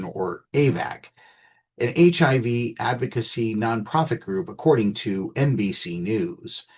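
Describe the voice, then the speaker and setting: Male radio newsreader, husky, mid-pitched, reads scripted bulletin with small slips. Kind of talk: read news bulletin. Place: radio studio.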